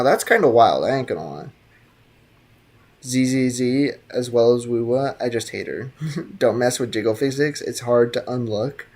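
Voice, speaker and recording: Here a young man with a darkish, mid-range voice streams a game, casually reading live chat and chatting with viewers. He's relaxed and slangy, and he laughs a lot.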